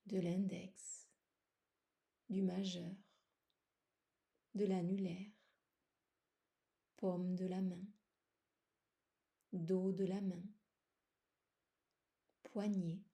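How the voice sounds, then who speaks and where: A woman leads a yoga nidra relaxation meditation, soothing and unhurried, in short phrases separated by long pauses. Her soft, lowish, gravelly voice keeps a level tone and sometimes drifts toward a whisper.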